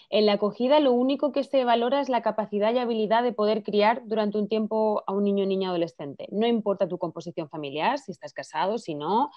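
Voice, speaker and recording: A filmmaker and campaign director with a non-Chilean Spanish accent answers radio interview questions as a guest. She explains things fluently and earnestly at length, in sentences full of clauses. Her voice is mid-range, and the dry, dull lo-fi radio audio has no room sound.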